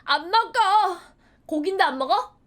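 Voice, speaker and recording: A woman voicing a loud, impatient middle-aged mother who nags and barks orders at her child. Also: animated, fast talker, exaggerated voice. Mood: scolding. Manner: shrill nagging orders.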